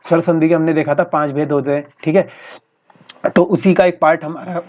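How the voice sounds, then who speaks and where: A male teacher going through practice exam questions in a steady, explanatory way, often repeating each answer. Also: fairly high pitch, a little fast. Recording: dull lo-fi recording.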